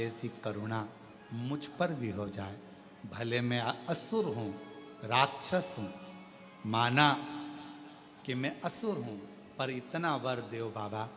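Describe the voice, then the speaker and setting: A man voicing a humble male demon king who speaks softly and pleads with a god, in a sermon story. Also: heavily acted. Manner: soft, low, imploring. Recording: reverberant hall with faint music.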